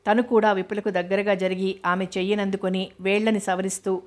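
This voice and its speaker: A woman reading a novel aloud as narrator in a steady, even way. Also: medium pitch, fairly quick.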